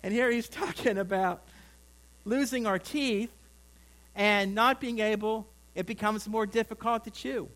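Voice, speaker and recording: High-voiced folksy preacher man. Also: a little slow, fairly bright tone, poor audio. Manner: folksy, rambling, with frequent restarts and asides to the congregation. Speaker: pastor. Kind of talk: sermon.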